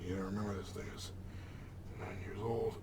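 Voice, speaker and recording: Young male vlogger, lowish pitch, casual and rambling, slight lisp from retainers, some background noise. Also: flat delivery, fairly quick. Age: young adult. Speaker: video channel host. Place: small home room, indoors. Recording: clearly noisy room background.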